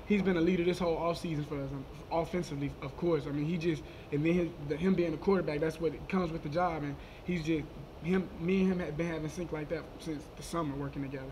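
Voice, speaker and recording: Quick, high-voiced young man. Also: slight background noise. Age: 20s. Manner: quick, animated, repeats words as he talks. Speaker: college football player. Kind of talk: post-game press conference answers. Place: press conference room, indoors. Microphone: table microphone.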